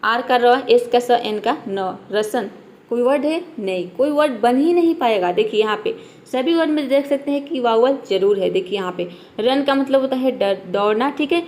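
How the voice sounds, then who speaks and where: In an animated, slightly mellow, fairly high voice at normal speed, a young woman explains English in Hindi, classroom-style, with a Hindi accent. She's patient, checks in often, repeats "ठीक है," and poses questions only to answer them herself.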